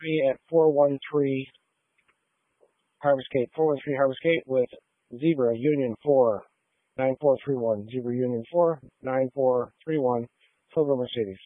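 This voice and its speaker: A male police officer calls in traffic stops and spells out plates in a flat, matter-of-fact way. His voice comes through a narrow, phone-like radio band. The sound is dry and close. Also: mid-range voice, a little slow, no echo. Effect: heard over a phone-like radio channel.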